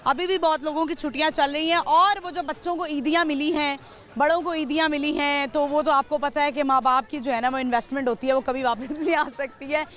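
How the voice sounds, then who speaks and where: A woman's voice: high-pitched, fairly even intonation, a little fast, a bit bright. A woman with a Pakistani Urdu accent hosting a street quiz roadshow outdoors at a zoo, chatting and teasing passers-by on a handheld mic. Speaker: roadshow host. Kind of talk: street vox-pop interviewing.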